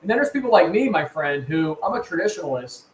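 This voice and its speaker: A man hosts a casual talk show, rambling, repeating words and constantly checking in with "right?" and "man." His voice is on the high side, sing-song and fast, in an echoey room with faint ambience.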